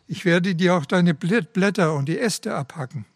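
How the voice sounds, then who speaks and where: A man's voice: sits high, moderate pace, dry recording, clean studio sound. A man voicing the solemn, serious master of a garden in a read-aloud parable. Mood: grave. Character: grave, stern master of the garden.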